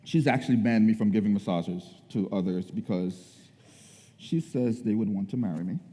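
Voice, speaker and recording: A man talks casually about relationships in a halting way. His voice is dark and relaxed, with long reverb from the room. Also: lowish voice. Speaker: co-speaker in a couples' talk. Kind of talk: casual faith-based relationship talk.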